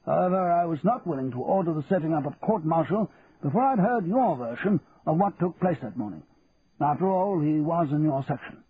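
A man voicing a stern older army colonel who speaks formally and deliberately. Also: on the high side, animated, pitched above the performer's own voice, natural voice. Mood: formal, probing. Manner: measured, formal, officer's clipped diction. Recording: tinny phone-like, faint hiss.

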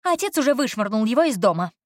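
Picture a spoiled young heiress, shrill and indignant, whose voice climbs high and tight as she demands money. A woman reads her in an audiobook, recorded close and dry, with no room sound. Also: sing-song, quick pace, no room sound. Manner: high, strained, raising her voice. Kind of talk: audiobook character voice.

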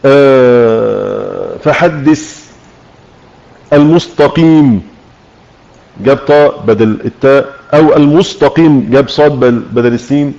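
A man with an Egyptian accent teaching a religious lesson, explaining with questions to his listeners and slowing down to demonstrate recitation. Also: medium pitch, gravelly, darkish tone. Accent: Egyptian Arabic. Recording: muffled lo-fi online audio room.

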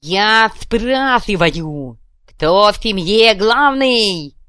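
A woman voicing a one-eyed, brutal male gang boss who bellows slow, drawn-out threats. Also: medium pitch, animated, clear, resonant tone, dry recording, studio quality. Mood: bellowing threats. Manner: shouted threats, drawn-out barking.

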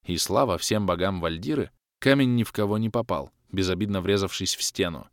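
A man narrating a first-person fantasy adventure, lively and shouting out the dialogue lines. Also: sits low, brisk, no room sound, clean studio sound. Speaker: audiobook narrator. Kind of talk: scripted narration.

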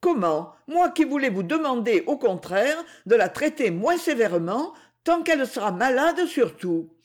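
A reader voicing a gentle, pious young woman who speaks softly and pleads. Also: high voice, sing-song, slow, exaggerated voice. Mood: pleading. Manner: soft, pleading.

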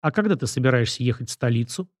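A man's voice: mid-range voice, animated, quick pace, no room sound, clean studio sound, natural voice. A man voicing a playful teasing woman. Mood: teasing, curious.

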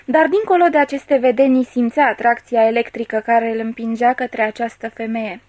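A woman narrating a classic novel as an audiobook, in a steady, measured reading. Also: on the high side, no echo.

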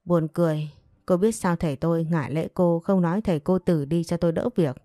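Woman reading a nasty arrogant young husband in a story, spiteful and sneering, low mellow voice. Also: fairly even intonation, a little fast, dry recording, studio quality, close to an everyday voice. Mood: contemptuous. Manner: contemptuous, spiteful.

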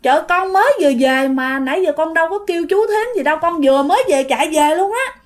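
Bewildered young neighbor woman, pleading, Southern Vietnamese accent, high animated voice, as a woman storyteller puts her on. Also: fast talker. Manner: protesting, pleading.

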